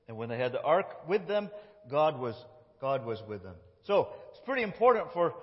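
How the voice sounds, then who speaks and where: Animated man telling a story in church. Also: a little high. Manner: animated, reads dialogue in lively voices. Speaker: lead pastor. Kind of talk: sermon storytelling with children acting. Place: church sanctuary. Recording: muffled, echoey church hall.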